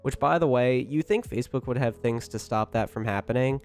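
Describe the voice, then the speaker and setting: Over background music, a man with a medium-pitched, darkish voice hosts a casual livestream at a brisk pace. He talks to his chat in a rambling, chatty, informal way, swearing and never running out of things to say.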